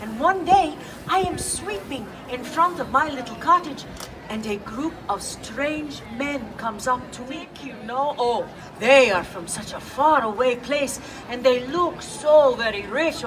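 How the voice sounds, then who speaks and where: Her voice climbs high here, animated yet unhurried, as the pretend Italian witch keeps coaxing answers from children mid-story. The accent is clearly put on and the delivery is playful. It's a live outdoor performance in an urban public space, recorded from afar amid crowd and background noise.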